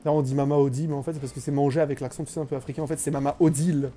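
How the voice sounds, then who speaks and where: A man's voice: a little high, level tone, racing, mellow, slight background noise. Joking young male gaming streamer. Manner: joking, self-mocking, chatty with viewers. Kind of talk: live gameplay commentary.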